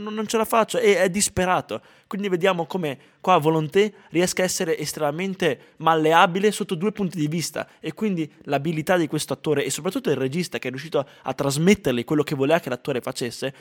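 A man's voice: a little high, fairly quick. Rambling man discussing a film. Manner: rambling, restarts and fillers. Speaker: film review co-host. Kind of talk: casual film review chat.

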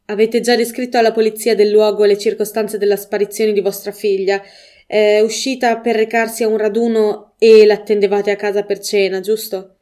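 A woman reading the lines of a male police superintendent in a measured, formal tone. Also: mid-range voice, flat delivery, warm tone, lightly acted.

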